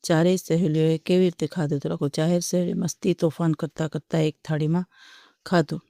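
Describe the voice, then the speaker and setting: A teacher runs through workbook answers in a level, even voice that barely rises or falls. The tone is smooth and clean, recorded close and dry with no room sound. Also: mid-range voice, fairly quick, no echo. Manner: steady, methodical dictation.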